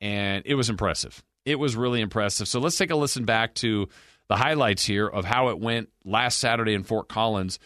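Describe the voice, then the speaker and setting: A man with a slightly low voice and an American accent hosts a sports podcast. He talks through football games in a conversational way, stressing and repeating his points. The recording is dry, with very little room sound. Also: fairly quick, fairly bright tone, dry recording. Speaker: sports podcast host and game broadcaster. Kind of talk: conversational football recap and analysis.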